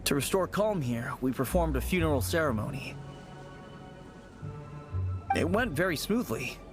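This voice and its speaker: Game supporting role: man as polite male undertaker's assistant, fairly high voice, lively intonation, formal and apologetic, music behind. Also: normal speed, close to an everyday voice. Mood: apologetic, explanatory. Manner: courteous, formal. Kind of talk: video game voice acting.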